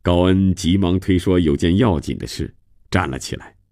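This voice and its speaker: A male storyteller giving a steady, measured radio reading of a novel in a studio. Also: low voice, dry recording. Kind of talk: scripted novel narration.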